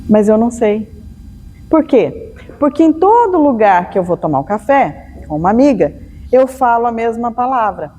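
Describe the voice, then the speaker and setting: A Brazilian woman speaks to a live audience in a spiritual lecture. Her voice sits somewhat high but sounds warm and mellow. She tells stories and acts out bits of dialogue as she goes. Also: very animated, moderate pace, in a large hall. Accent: Brazilian Portuguese.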